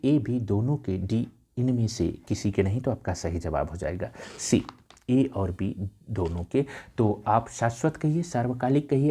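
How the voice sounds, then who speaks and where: A man's voice: on the low side, husky. A man tutoring for a Hindi exam, reading out quiz questions and options, then explaining each answer. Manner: lively, patterned quiz reading with stressed option letters.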